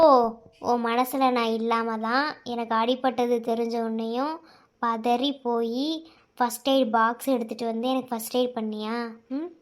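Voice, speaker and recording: A woman's voice: fairly high pitch, little pitch movement, moderate pace, natural voice. A woman voicing a pleading young lover. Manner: urgent, insistent, pleading. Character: young man pleading with the girl he loves. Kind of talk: cartoon love-story voice acting.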